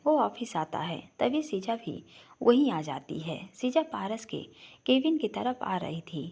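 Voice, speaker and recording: Woman storyteller, husky mellow voice, lively pitch. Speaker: narrator. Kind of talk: storybook narration.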